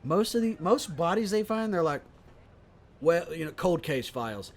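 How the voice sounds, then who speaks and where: A man's voice: a little high, very animated, moderate pace. A man hosting a casual comedy podcast, talking in rambling, profane tangents. He is also an impressionist.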